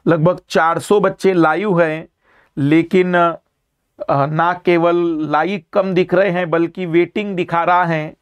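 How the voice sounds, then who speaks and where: A man's voice: a little high, fairly even intonation, takes it slowly, clean tone. A male teacher giving a live online exam-prep lecture, explaining terms with emphasis and repeating key words.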